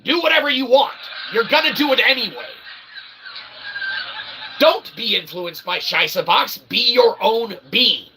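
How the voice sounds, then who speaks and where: Heard on a low-quality recording, an extremely high-pitched man talks in an animated but slightly slow way. He's an author and channel host on a rambling, opinionated rant, full of wordy pseudo-philosophical swearing, constant "okay?" checks, and sudden emphatic shouts.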